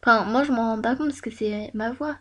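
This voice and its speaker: A woman's voice: fairly high pitch, brisk, a bit bright. A woman YouTuber chatting casually over a screen recording at home, rambling with many fillers and self-mocking asides. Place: at home at her computer.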